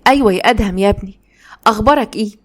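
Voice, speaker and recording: A woman's voice: medium pitch, very fast, close to an everyday voice. A woman with an Egyptian Arabic accent voicing a coaxing, fussing mother in her forties. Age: 40s.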